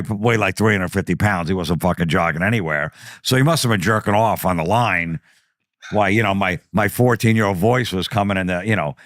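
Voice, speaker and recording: A man's voice: fairly low pitch, dry recording, studio quality. A man telling a comedic story on a podcast, swearing freely and acting out the voices of people in it. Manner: animated, profane, acts out quoted voices. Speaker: podcast guest.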